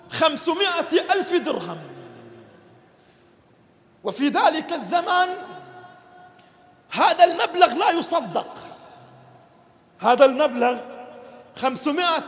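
Impassioned male preacher, very high voice. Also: lively intonation, unhurried, pauses often. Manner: impassioned, shouting and crying out, repeated rhetorical questions. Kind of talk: fiery sermon. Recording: long hall reverb.

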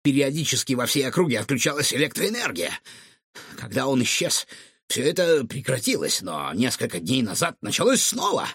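A man voicing an excitable bearded male cook who blurts out indignant outbursts. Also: mid-range voice, moderate pace, husky, no echo, studio quality. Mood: explaining.

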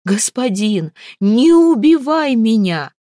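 A desperate middle-aged trader, put on by a woman reading the tale, wails and begs in a raised, drawn-out voice. His pitch leaps about with lively swings. The sound is dry and close, with no room around it. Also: no echo. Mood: eager persuading. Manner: wailing, begging, drawn-out pleading. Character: panicked foreign merchant man, middle-aged, pleading.

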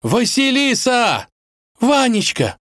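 A woman's voice: sits low, sing-song, measured pace, no room sound, studio quality, voice pushed up. A man reading a fairy tale aloud and voicing a stubborn young princess with a raised, insistent voice. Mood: calling out. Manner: insistent, stamps her foot.

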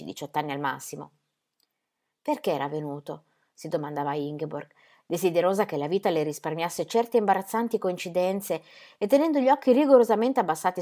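Woman narrating a novel, low and expressive. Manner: measured, expressive storytelling. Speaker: audiobook reader. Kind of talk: literary audiobook narration.

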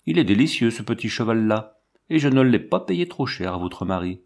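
A man putting on a chattering falsetto gentleman. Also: big pitch swings, moderate pace, creaky. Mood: chatty.

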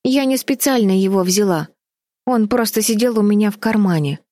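A woman's voice: mid-range voice, moderate pace, warm tone, no room sound, studio quality, voice pushed up, natural voice. A woman voicing a stubborn young girl who pleads and protests in a panic, in an audiobook. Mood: pleading. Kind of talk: audiobook character voice.

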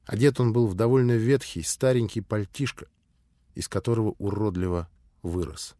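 A man narrating a classic novel as an audiobook, measured and expressive. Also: on the low side, no echo, clean studio sound. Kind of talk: scripted literary narration.

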